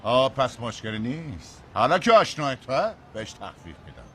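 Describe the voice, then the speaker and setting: A slick used-car dealer presses for the sale with a lively, animated pitch. He sounds persuasive and pushy. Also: a little hiss or hum. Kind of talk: dubbed film acting.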